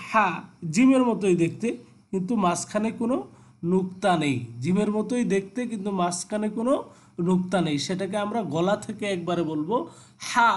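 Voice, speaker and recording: Male Quran teacher, high voice, patient step-by-step lesson delivery, Bangladeshi Bengali accent. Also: a little mellow. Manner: repetitive, instructive, checks with "ঠিক আছে?". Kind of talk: explaining Arabic letters in a video class.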